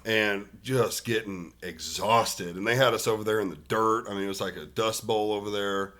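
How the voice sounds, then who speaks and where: Low-voiced relaxed male podcast guest. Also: normal speed. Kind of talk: casual chat.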